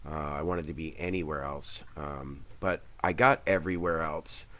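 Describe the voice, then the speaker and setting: A man in his late thirties from Canada's Maritime provinces speaks as a guest on a remote interview over a headset. His voice is rumbling and low with fairly even intonation, normal speed, and a fairly bright tone; he rambles hesitantly with many ums, and there's a little hiss or hum.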